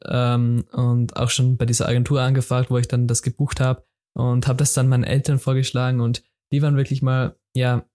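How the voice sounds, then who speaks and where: This casual solo podcast comes from a young male host whose informal talk wanders and repeats itself, with lots of fillers and false starts. He speaks in a medium-pitched, slightly mellow voice.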